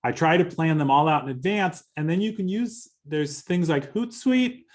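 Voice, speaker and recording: A man with a Californian accent giving a relaxed social media workshop, chatty and easygoing. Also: fairly high pitch, moderate pace. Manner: chatty, laughs easily, restarts phrases. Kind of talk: casual workshop talk.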